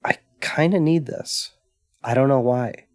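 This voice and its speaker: A man's voice: mid-range voice, a little slow, a little mellow, no echo, studio quality. A man co-hosting a casual retro gaming podcast, easygoing and stumbling over his words. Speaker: podcast co-host. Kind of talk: casual chat.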